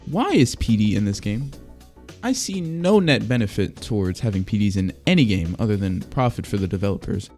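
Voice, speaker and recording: Low, mellow-voiced man giving blunt game critique. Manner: blunt, critical, casual slang with swearing. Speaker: video game reviewer. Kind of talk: opinionated video review commentary. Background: music behind the voice.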